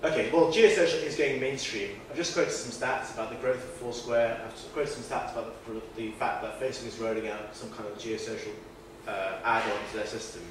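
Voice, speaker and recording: With hardly any pauses, a man talks fairly quickly in a mid-range voice with fairly even intonation, presenting informally to a meetup audience. He is chatty and self-deprecating, uses many fillers and restarts, and is not from northern England; the distant recording has heavy echo and faint noise.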